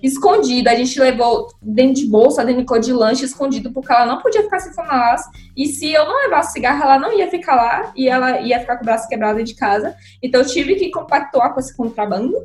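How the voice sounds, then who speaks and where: Podcast co-host, young woman, high and lively storyteller, echoey room. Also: fast talker, hardly any pauses. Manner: animated, acts out quotes with big pitch jumps. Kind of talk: casual storytelling chat.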